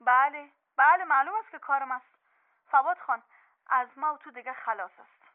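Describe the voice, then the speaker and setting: A woman's voice: sits high, natural voice. A woman voicing an angry, betrayed young wife who accuses her husband over the phone. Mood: accusing. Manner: bitter, accusing. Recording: tinny phone line.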